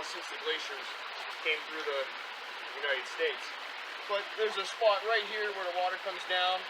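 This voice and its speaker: A man talks to his camera on a tripod at a woodland creek, chatty and rambling, a little out of breath from the hike. His voice sits slightly high. The rushing water of the stream is loud in the recording. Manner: chatty, rambling, with frequent "uh" and "until then". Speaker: vlog host. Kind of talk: casual outdoor vlog narration. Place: outdoors by a creek in the woods. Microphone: camera on a tripod, moving closer and farther. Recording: outdoor camera audio with loud stream noise. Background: running stream.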